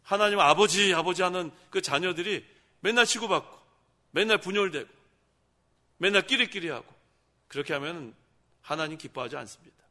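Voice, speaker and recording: A man's voice: sits high, lively intonation, normal speed, long pauses, sharp tone. A middle-aged male pastor giving a conversational sermon in a church sanctuary. He keeps asking the congregation questions and then answering them himself.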